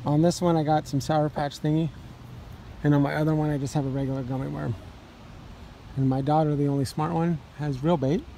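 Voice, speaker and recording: Dad vlogger, 40s, casual and rambling, phone mic at arm's length, faint background noise. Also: male voice, fairly high pitch. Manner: relaxed, rambling with many ums. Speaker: fishing vlogger, father. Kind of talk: casual vlog narration. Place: inside a parked car, then outdoors on a river dock. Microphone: phone camera at arm's length.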